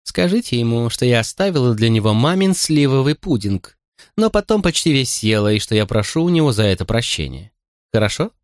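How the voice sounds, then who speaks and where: A man's voice: mid-range voice, very animated, brisk, no room sound, studio quality, voice pushed up, lightly acted. A man voicing a shy young girl who apologizes politely, in an audiobook reading. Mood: sheepish.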